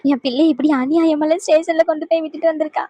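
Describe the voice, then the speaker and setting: A bitter mother-in-law wails and curses through tears, her voice very high and thin, as a woman acts her out. She laments in a rising sing-song, and the sound is dry and close. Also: steady tone, very fast, mellow, dry recording, dull audio, close to an everyday voice. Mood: wailing. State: crying. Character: wailing grieving mother-in-law, bitter and cursing.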